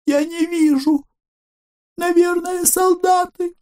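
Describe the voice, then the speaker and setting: A man voicing a solemn, tearful young female fortune-teller who speaks slowly in a hushed, otherworldly way. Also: extremely high pitch, steady tone, pitched above the performer's own voice. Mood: ominous.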